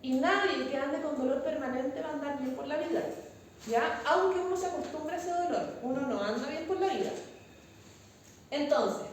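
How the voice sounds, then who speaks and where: A woman's voice: high-pitched, normal speed. Chilean woman lecturing in an echoey classroom. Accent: Chilean Spanish. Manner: conversational, checks understanding with frequent tag questions. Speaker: instructor teaching a class. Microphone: far from the mic. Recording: very echoey classroom, far-off mic, some noise.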